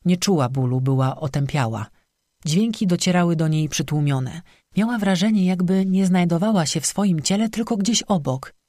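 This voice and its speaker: Audiobook narrator, even storytelling, dry close mic, mid pitch. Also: moderate pace, no room sound. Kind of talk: scripted horror story narration.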